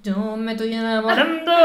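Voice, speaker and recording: Una mujer joven con acento argentino que charla de forma informal y animada sobre una película, con mucha jerga y actuando las frases de los personajes. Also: female voice, on the high side, unhurried. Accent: Argentine Spanish. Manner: animated, slangy, acts out lines of the characters. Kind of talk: casual chat recapping a film. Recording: echoey room.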